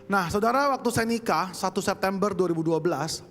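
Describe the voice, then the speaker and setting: A man's voice: high-pitched, fairly quick, a bit bright, in a large hall, soft background music. A man giving a humorous church testimony as a singer, telling his story in a chatty way and often turning to the congregation. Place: church service.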